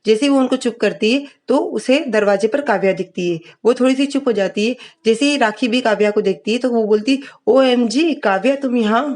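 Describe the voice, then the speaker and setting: A woman's voice: fairly high pitch, a little fast, few pauses, a little mellow. A woman retelling a TV serial episode in plain storytelling, reading every line of dialogue in her own voice. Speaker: TV serial recap narrator.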